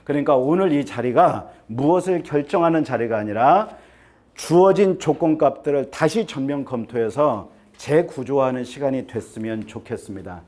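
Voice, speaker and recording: A man's voice: mid-range voice, a little mellow. A man giving a talk to parents as an admissions consultant. He keeps joking and asks the audience again and again to agree. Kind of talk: lecture to parents. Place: seminar room with an audience.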